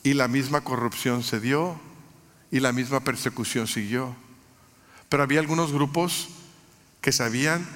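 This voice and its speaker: A Mexican pastor preaches earnestly in a mid-range, slightly bright voice. He builds up lists of phrases and occasionally restarts his words. A long hall reverb surrounds the recording.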